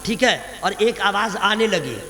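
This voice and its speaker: Man preaching, really high voice, slow, long echo, goes from soft to yelling at the crowd. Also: lively intonation. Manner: swings from quiet talk to shouting, calls on the crowd to respond. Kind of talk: fiery sermon to a crowd. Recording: long reverb from a big echoey venue.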